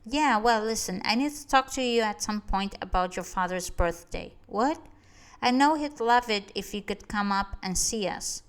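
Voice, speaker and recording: A woman narrator putting on a woman with a Russian accent, chatting on the phone in an offhand, breezy way that stays a touch cool. The voice is pitched a little above the reader's own and comes through smooth and clear. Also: expressive, normal speed, hardly any pauses, natural voice.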